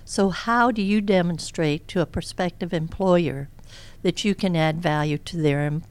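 Very old woman, interview guest. Smooth, clear, lowish voice, measured storyteller. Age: elderly. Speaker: interview guest, career coach. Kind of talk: reflective interview conversation.

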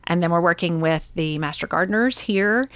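A woman's voice: fairly low pitch, normal speed, no room sound. A woman speaking as a radio interview guest, upbeat and enthusiastic, with a few fillers. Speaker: nature center president.

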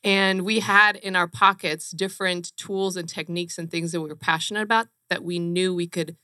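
A woman's voice: on the low side, fairly even intonation, moderate pace, pushed and bright, clear, resonant tone, dry recording, clean studio sound. A woman from Romania, a company co-founder, speaking earnestly and emphatically as an interview guest. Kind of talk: casual interview chat.

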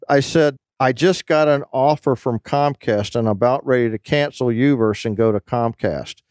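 A middle-aged man hosting a casual interview, telling relaxed anecdotes and acting out the people he quotes. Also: medium pitch, normal speed, dry recording, clean studio sound. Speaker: podcast host.

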